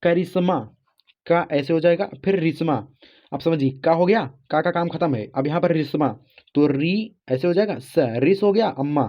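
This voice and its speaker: A man teaching a spelling lesson, slowly spelling out words letter by letter and often checking in with the listener. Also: a little high. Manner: slow, spells out letters one by one, often says "ठीक है". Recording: muffled lo-fi recording.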